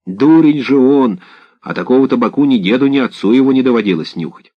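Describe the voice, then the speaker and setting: A man's voice: medium pitch, expressive, brisk, no room sound, natural voice. A man voicing a stubborn old village grandfather who mutters and grumbles to himself. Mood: grumbling. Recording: dull lo-fi dry recording.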